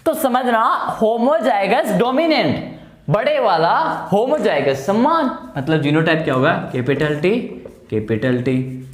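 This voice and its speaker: A man's voice: sits high, lively intonation, unhurried. A male biology teacher giving an exam-prep lecture, asking his class questions and answering them himself, repeating key terms and using homely examples. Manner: explains with homely everyday examples in a coaxing tone. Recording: echoey room.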